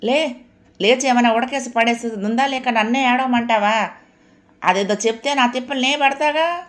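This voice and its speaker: A woman voicing a sharp-tongued older mother-in-law who scolds and grumbles. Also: fairly high pitch, normal speed, voice pushed up, close to an everyday voice. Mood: scolding. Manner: nagging, reproachful scolding.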